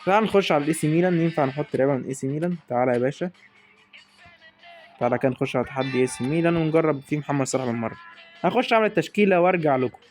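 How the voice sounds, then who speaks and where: A young man with an Egyptian accent rattles off football-game commentary at a breakneck clip, his voice sitting a bit high for a man. He cheers on and pleads with the players on screen as the match unfolds. Faint music plays underneath. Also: rapid-fire, darkish tone. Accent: Egyptian Arabic. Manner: hyped, talks to the in-game players. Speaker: gaming YouTuber. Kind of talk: live gameplay commentary.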